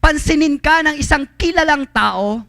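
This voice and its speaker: A man preaching a sermon at a church service, mixing English phrases into his Tagalog, swinging between loud calls and soft storytelling. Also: extremely high pitch, moderate pace, vocal fry, no echo.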